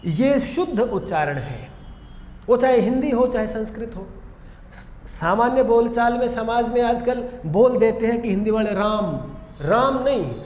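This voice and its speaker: A man teaching a grammar lesson in a classroom style, explaining slowly and repeating the key points. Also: extremely high pitch, darkish tone. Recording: echoey room with long reverb, faint noise.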